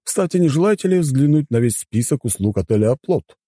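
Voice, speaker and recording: A composed young male butler speaks in a calm, polite, raised voice with something sinister under it, as a man acts him out in an audiobook. The tone is dark and dry, recorded close. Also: mid-range voice, brisk, dry recording, voice pushed up, close to an everyday voice. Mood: courteous. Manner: calm, courteous, faintly menacing.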